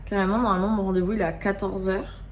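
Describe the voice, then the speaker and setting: A woman's voice: medium pitch, level tone, quick pace, slight background noise. A young woman vlogging at home, talking casually and candidly in slangy speech, openly irritated. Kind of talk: casual confessional vlog.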